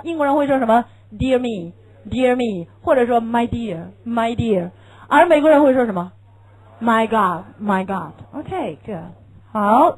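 Husky high-voiced woman teaching a class. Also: darkish tone, low-quality recording. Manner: asks the class questions and answers them herself; slows down to demonstrate English pronunciation. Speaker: English teacher. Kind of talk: classroom lecture.

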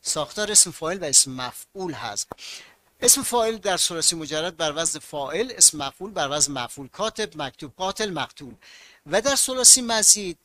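A man's voice: on the high side, expressive, pushed and bright. A man with a Mashhad accent teaching an online grammar class, patiently explaining rules and asking his students questions that he then answers himself.

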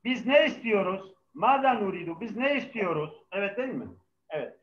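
A man's voice: sits high, animated, brisk, a little hiss or hum. A male language teacher patiently drilling his class, his voice carrying a heavy echo from the microphone. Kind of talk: live class lesson with student call-and-response. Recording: echoing, dull microphone sound.

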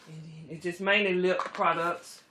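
The recording is rough, with a little hiss or hum, as a middle-aged beauty vlogger with a fairly low voice chats at a moderate pace. She tidies her beauty room in a bedroom, relaxed and chatty, calling viewers "y'all," while her camera mic moves around.

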